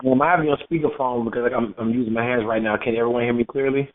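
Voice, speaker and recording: A man's voice: medium pitch, fairly even intonation, racing, background noise. A man from Florida calling into a talk show on speakerphone, rambling and repeating words as he gives his opinion. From Florida, United States. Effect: on speakerphone over a phone line. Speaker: caller. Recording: tinny phone-line audio.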